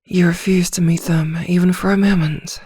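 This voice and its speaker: Here a woman voices a vampire posing as a calm, teasing, controlling therapist, guiding a slow hypnosis in ASMR style. Her lowish voice stays steady at normal speed, soft and breathy, often dropping to a whisper, with soothing quiet command and a softly teasing mood. She's close to a dry mic with no room sound.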